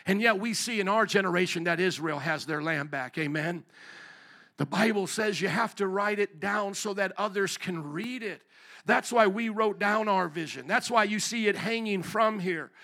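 A man preaches through a pulpit microphone with a high, bright, forceful voice. He drives the sermon with emphatic call-and-response, pressing the congregation to answer him. The sound is that of a church service picked up at the pulpit. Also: moderate pace. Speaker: pastor. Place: church sanctuary.

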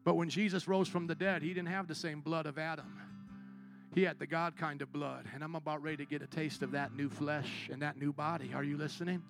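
Preaching to his congregation, a male pastor calls on them to respond and climbs from soft, low stretches to loud shouted climaxes.

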